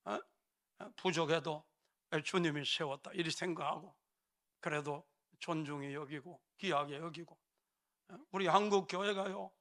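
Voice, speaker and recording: Gravelly, bright-voiced preacher. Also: male voice, fairly high pitch. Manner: emphatic, prodding the congregation with frequent "eh?" tags. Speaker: pastor. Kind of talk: sermon. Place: church sanctuary.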